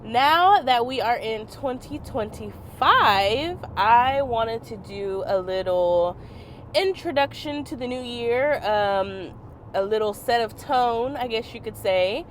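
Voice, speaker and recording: A woman's voice: a little high, lively intonation, takes it slowly, slight background noise. A woman content creator with a congested, stuffy voice, chatting casually while driving. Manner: chatty, many fillers. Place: in a car, driving.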